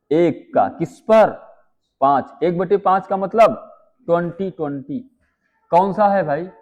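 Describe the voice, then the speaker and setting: A man teaching maths, chatty and firing quick questions at his students. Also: on the high side, darkish tone, dull audio. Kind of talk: live online exam-prep class.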